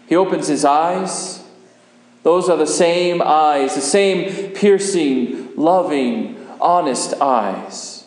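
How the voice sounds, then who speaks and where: A humble, repentant criminal on a cross, performed by a man with a fairly high voice in an earnest, unhurried monologue. He sounds short of breath, and every line spreads through a big, echoing hall. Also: darkish tone. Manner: earnest, slow and deliberate. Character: repentant crucified male criminal, humble and hopeful. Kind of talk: first-person dramatic monologue. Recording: echoey hall with long reverb.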